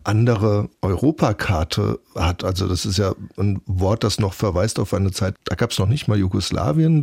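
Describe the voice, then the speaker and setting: Low gravelly male interviewer. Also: a little mellow, no room sound, studio quality. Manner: probing, thinking aloud. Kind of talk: interview conversation.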